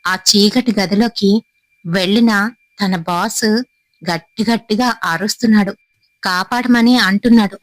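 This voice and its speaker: A woman's voice: medium pitch, unhurried, long pauses, dry recording, poor audio. Woman narrating a horror story.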